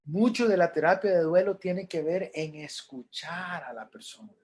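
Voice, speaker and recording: Earnest higher-voiced male pastoral teacher. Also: normal speed, darkish tone, husky. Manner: earnest, repeats key points, acts out quoted people. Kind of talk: class lecture on grief counseling.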